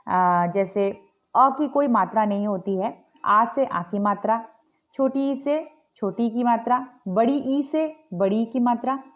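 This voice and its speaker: A woman teacher gives a home-recorded grammar lesson in a fairly high voice. She speaks very slowly and deliberately, breaking words into letters and pausing with fillers. The sound is a little dull and lo-fi. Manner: filled pauses, stretches words. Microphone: home video recording.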